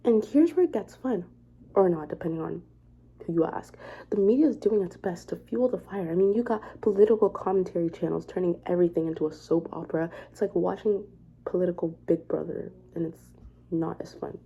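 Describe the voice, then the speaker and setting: A woman vlogger with a sick voice rants in a casual, sarcastic way. Her voice sits on the low side and sounds dark and mellow. The recording is a bit dull and lo-fi. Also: a little fast, vocal fry, husky. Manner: sarcastic, chatty rant. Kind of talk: casual ranting commentary.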